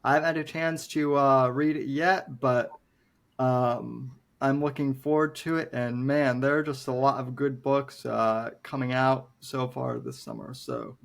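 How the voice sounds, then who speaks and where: Brief: unhurried podcast host, a man in his late twenties, hesitant and thoughtful delivery. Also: mid-range voice, fairly even intonation, vocal fry. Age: 20s. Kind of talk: casual podcast interview.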